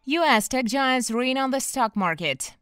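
A woman reads the day's market and world news in a steady, measured newsreader manner. Her voice is smooth and clean, recorded close and dry with no room sound around it. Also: sits high, no room sound. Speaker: news presenter. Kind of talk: scripted news reading.

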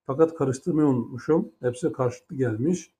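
A man's voice: mid-range voice, moderate pace, mellow. Patient Turkish man teaching English grammar. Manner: patient, explains step by step and asks rhetorical questions. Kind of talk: grammar lesson explained in Turkish.

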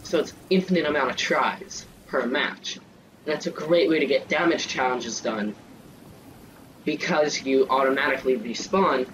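A man's voice: mid-range voice, normal speed, slight background noise. Rambling young man narrating his gameplay. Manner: rambling, many fillers. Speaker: gaming channel host. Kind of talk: casual gameplay commentary. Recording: distant mic with faint game music.

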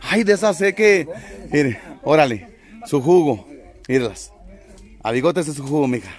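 Man, fairly high voice, jovial livestream host, teasing banter. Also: lively intonation, moderate pace. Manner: jovial, greets viewers by name, teasing banter. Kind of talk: casual livestream chat.

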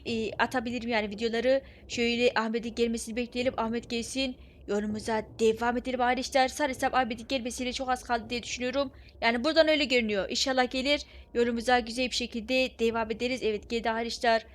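Excitable high-voiced woman gaming host. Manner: excitable, laughs often, shrieks when chased; chatty, keeps addressing viewers as friends. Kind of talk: let's-play commentary.

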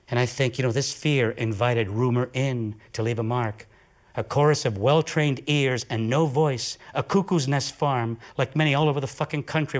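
A man performing an intense, profane theatrical monologue with dramatic swings of pitch and volume. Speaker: solo stage performer.

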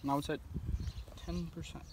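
A young man talks casually into a phone from inside a moving car, his voice sitting a little high. He rambles, jokes and restarts his sentences often. Steady road and car noise runs under the whole clip. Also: moderate pace. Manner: rambling, jokey, with many restarts. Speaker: vlogger. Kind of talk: casual vlog chat.

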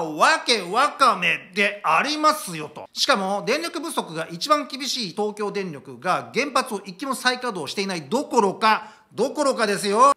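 A male vlogger delivering political commentary in a sarcastic, ranting manner. He talks fast with a lively, swooping pitch and a bright voice.

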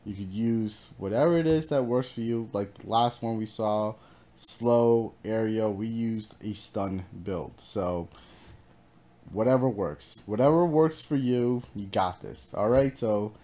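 A man's voice: lowish voice, unhurried, mellow. Upbeat man doing gameplay commentary. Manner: upbeat and encouraging, loose with filler words. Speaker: gaming channel host.

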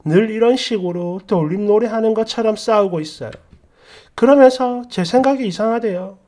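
A woman's voice: medium pitch, moderate pace, dark tone. A woman narrating a story for a story channel and reading viewer comments aloud, with conversational, opinionated asides.

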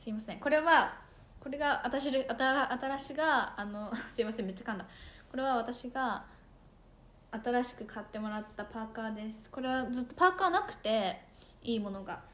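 A woman's voice: a little high, fairly quick, fairly bright tone. A young woman idol livestreaming in casual chat, bubbly and chatty, thanking viewers for gifts and sometimes tripping over her words.

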